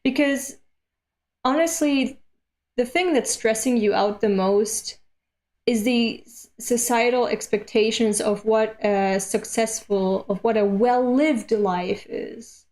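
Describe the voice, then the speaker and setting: A woman in her late twenties talks to her stream viewers in a relaxed, unhurried way. Her voice sits a little high, and she comes across as candid and self-deprecating, swearing casually as she muses. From Europe. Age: late 20s. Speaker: streamer reading comics aloud. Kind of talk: casual live-stream chat.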